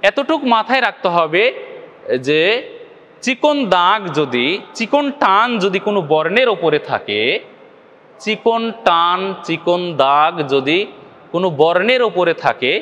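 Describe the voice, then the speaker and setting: A man's voice: sits high, lively intonation, unhurried, fairly bright tone, long reverb tail. A man with a Bangladeshi Bengali accent teaching Quran recitation in a video lesson, patiently repeating each point and checking that viewers follow.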